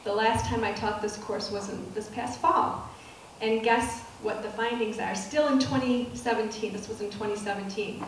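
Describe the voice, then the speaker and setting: Speaking to an audience from a dark auditorium stage before a projector screen, a middle-aged female professor lectures softly and at a measured pace, her mid-range voice fairly even, often stalling with ums and starting phrases over. She uses a handheld mic, but a far camera captures the talk, leaving it distant and echoey amid hall noise.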